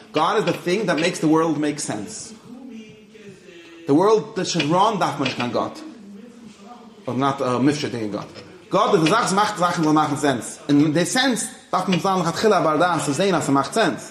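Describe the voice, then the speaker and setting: A man's voice: a little high, a bit bright, echoey room. A man giving an informal religious lecture, moving between Yiddish and English and often checking that his listeners follow. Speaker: religious teacher.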